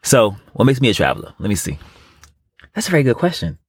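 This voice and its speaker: A man's voice: lowish voice, huge pitch swings, quick pace, slightly rough, dry recording, clean studio sound. A man co-hosting a podcast in casual comedic chat, rambling and repeating himself with boastful, street-casual phrasing. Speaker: podcast co-host.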